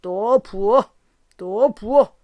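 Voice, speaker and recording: A woman voicing a rowdy, drunken middle-aged rickshaw puller in an audiobook, shouting and cursing with slurred speech. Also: medium pitch, animated, a little slow, no room sound. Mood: drunken bellowing. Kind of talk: audiobook character voice.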